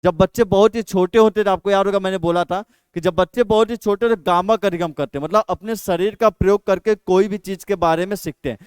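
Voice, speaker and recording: A man's voice: high-pitched, fairly quick, few pauses, darkish tone, smooth, no room sound. A man teaching an exam practice lesson, repeating each question and then answering it himself.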